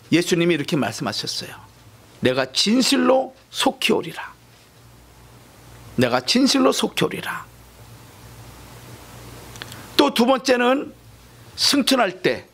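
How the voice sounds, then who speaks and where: A male pastor preaching a sermon with emphatic, dramatic swings in loudness, explaining scripture in plain everyday terms. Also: high voice, vocal fry.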